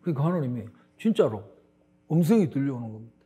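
A man's voice: mid-range voice, sing-song, quick pace, mellow, slightly rough. A middle-aged male pastor delivering a sermon, stressing words emphatically and turning to the congregation with asides.

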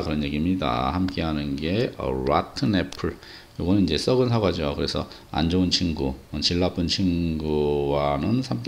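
A man teaching an English idiom lesson, explaining patiently and pausing on filler sounds. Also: very deep voice, creaky.

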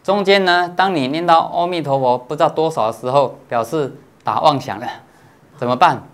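Patient male Buddhist teacher giving a dharma lecture. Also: a little high. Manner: patient, explanatory, checks understanding with listeners; peppers phrases with drawn-out filler particles.

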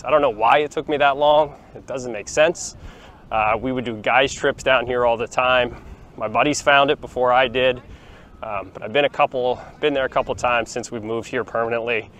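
A vlogger in his forties talks to camera while walking a sunny beachfront plaza and beach, showing off the town in a relaxed tour thick with ums and restarts. He uses an arm's-length phone and a small clip-on mic, speaking at a mid pitch. Behind him there's faint outdoor ambience, an occasional passing car, and a bit of hiss or hum.

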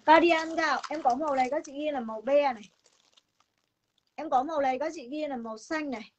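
A fast-talking young woman with a high voice and a Northern Vietnamese accent runs a livestream clothing sale from an indoor room stacked with stock. She chats casually with viewers but sells insistently, repeating herself and making emphatic promises, while her phone recording picks up clear background noise.

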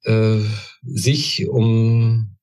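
A man, an author, reading aloud from his own novel in a measured, deliberate way, then talking about his characters. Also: lowish voice, little pitch movement, darkish tone.

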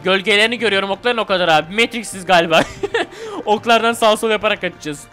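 A young man giving casual, excitable gameplay commentary and shouting at enemies in slang. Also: high-pitched, fast. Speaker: gaming YouTuber. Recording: game music faint behind. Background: game music.

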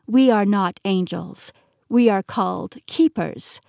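A woman's voice: medium pitch, creaky, darkish tone, dry recording, clean studio sound. Millie, a woman voicing a poised immortal keeper. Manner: measured, explanatory. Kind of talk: audiobook character reading.

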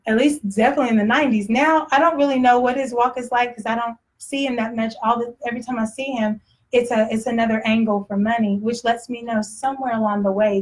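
A woman with a Texas accent preaching a sermon in a blunt, conversational way, often laughing. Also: a little high. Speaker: pastor.

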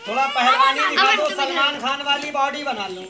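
High-voiced showman amid a crowd. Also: very animated, normal speed. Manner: loud teasing commands to performing monkeys. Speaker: street monkey-show performer. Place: outdoors at a school ground. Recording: crowd noise around. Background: children's crowd.

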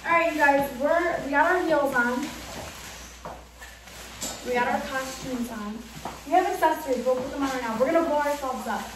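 A woman's voice: high-pitched, moderate pace, pauses often. A young woman hosting a vlog, chatting casually and informally to the camera in an echoey, nearly empty room. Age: young adult. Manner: informal, swearing. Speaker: vlog host. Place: nearly empty bedroom indoors. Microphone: camera a few feet away. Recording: echoey room, distant mic, noisy.

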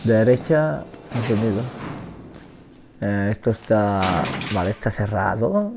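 A young man with a Spain Spanish accent, giving nervous, rambling, joking commentary while playing a horror game and shouting at its enemies. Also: fairly low pitch, lively intonation, slow, vocal fry, background noise. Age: young adult. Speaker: let's play gamer.

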